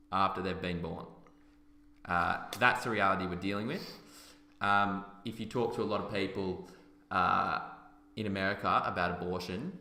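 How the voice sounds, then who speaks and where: A man's voice: low voice, bright, forceful tone, slight background noise. A man hosting a podcast, talking in an emphatic, argumentative way. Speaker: podcast host. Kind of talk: casual opinion chat. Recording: roomy echoey room.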